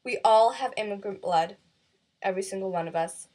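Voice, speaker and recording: A woman's voice: mid-range voice, a little fast, a little mellow. A teenage girl, a student, reading a thoughtful school video essay from indoors into a webcam mic. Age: teens.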